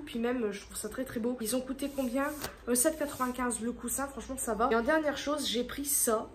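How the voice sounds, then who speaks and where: A woman's voice: fairly high pitch, slight background noise. A woman chatting casually to her vlog audience at home, rambling and tripping over her words. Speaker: vlogger. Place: at home indoors.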